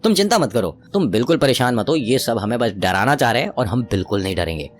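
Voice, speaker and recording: A man's voice: mid-range voice, big pitch swings, quick pace, a little hiss or hum, lightly acted. A man voicing a cheerful young husband and father who reassures his family in a raised, upbeat voice. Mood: reassuring.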